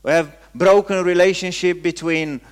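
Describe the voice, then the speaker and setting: Speaking as a pastor with a Romanian accent, this man has a high, clean-toned voice and keeps his intonation fairly even. He preaches in terse, emphatic phrases, regularly pausing and saying a word again to give it weight.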